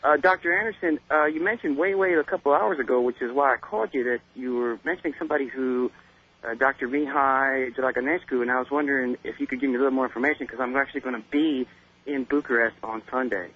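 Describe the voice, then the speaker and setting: A man's voice: medium pitch, fast talker, breathy edge. A male caller on a radio talk show, chatting and apologizing, heard over a poor-quality digital phone line. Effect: poor quality digital cell phone line. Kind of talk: call-in radio chat. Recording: dull lo-fi phone call on radio.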